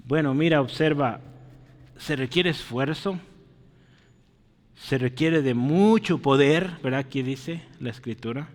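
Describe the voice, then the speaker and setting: In a large, echoing room, a man teaches a Bible study as a step-by-step sermon, regularly checking that everyone follows and addressing them as brother. He speaks in a mid-range voice, unhurried, with frequent pauses.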